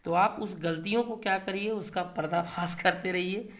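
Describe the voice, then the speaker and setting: A man teaching English grammar in a classroom-style lecture. He keeps quizzing his listeners with rhetorical questions, repeats key words, and reads example sentences slowly and with emphasis. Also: high voice, fairly even intonation, a bit bright.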